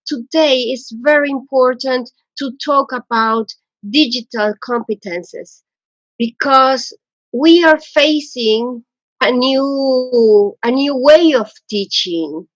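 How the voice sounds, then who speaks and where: A woman from Ecuador, a languages coach giving a webinar to teachers, speaking slowly and often restarting her sentences. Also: high-pitched, dry recording. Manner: slow, hesitant, repeats and restarts phrases. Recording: dull, lo-fi webinar audio.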